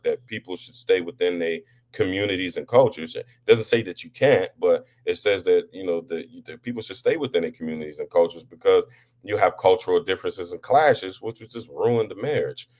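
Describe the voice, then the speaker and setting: A low-pitched man hosts a live talk show, speaking casually to viewers. He often repeats words and restarts sentences, and his voice grows louder when he gets impassioned.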